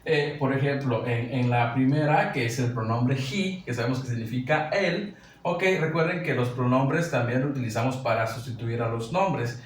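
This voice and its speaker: A male English teacher talks through a grammar lesson in a very echoey room, standing some way from the mic. His pitch sits in a middle range, and he keeps checking in with listeners as he goes. A faint hum of room noise sits under his voice. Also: recorded from a distance. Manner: patient, repeats "¿ok?" and "¿verdad?" often; reads English example sentences slowly. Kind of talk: classroom-style grammar explanation.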